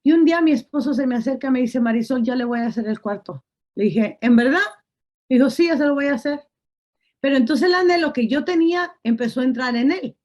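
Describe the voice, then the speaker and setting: A woman's voice: sits high, quick pace, darkish tone. A woman, preaching in a storytelling way and acting out what people said. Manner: storytelling, acting out quotes, repetitive. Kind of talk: testimony sermon.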